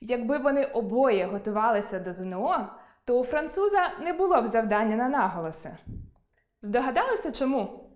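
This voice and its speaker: A woman teaching an online lesson, reading from a script and slowly drawing out example words. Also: fairly high pitch, very animated, echoey room.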